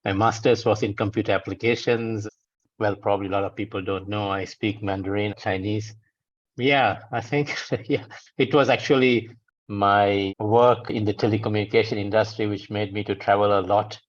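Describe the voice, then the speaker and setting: Guest, man, 50s, from Sri Lanka; low, flat delivery over dull lo-fi audio, easygoing with frequent laughs. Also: moderate pace. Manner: relaxed, laughs often, hesitant restarts. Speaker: guest, founder of a travel rating firm. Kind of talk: conversational interview answers.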